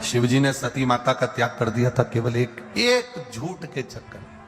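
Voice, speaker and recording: A man's voice: medium pitch, animated. Impassioned male preacher in a reverberant hall. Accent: Madhya Pradesh Hindi. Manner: impassioned, repetitive, slow drawn-out singing of verses. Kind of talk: sermon with sung verses. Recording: long hall reverb with faint music.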